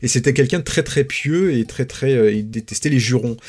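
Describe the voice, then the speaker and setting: A man's voice: mid-range voice, brisk, a little mellow, slightly rough. A man co-hosting a film podcast who eagerly tells behind-the-scenes anecdotes. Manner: enthusiastic anecdote-telling. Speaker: podcast co-host. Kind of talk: film discussion.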